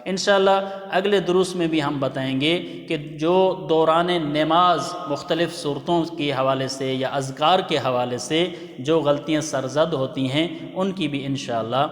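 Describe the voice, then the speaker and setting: Man teaching in an echoey hall. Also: fairly high pitch. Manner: explains slowly, chants demonstration phrases drawn out. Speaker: religious teacher. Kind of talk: pronunciation lesson. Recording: echoey hall with long reverb.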